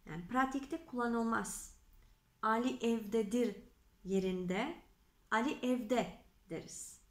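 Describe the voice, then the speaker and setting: Woman teacher, patient, repeats examples, unhurried, roomy echo. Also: a little high. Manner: slow, patient, repeats examples and checks with "okey?". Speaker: Spanish teacher. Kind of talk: explaining grammar to Turkish learners.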